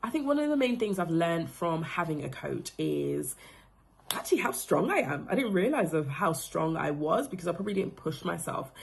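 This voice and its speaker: A woman's voice: on the low side, very animated, normal speed, creaky. A woman in her thirties from the Democratic Republic of Congo giving a casual, reflective testimonial about being coached, her phrasing loose and full of fillers. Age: 30s.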